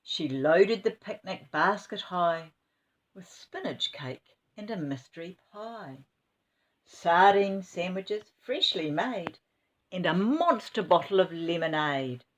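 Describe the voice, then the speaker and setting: A woman reading a rhyming children's story aloud in an expressive, dramatic way, with exclamations. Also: on the low side, takes it slowly.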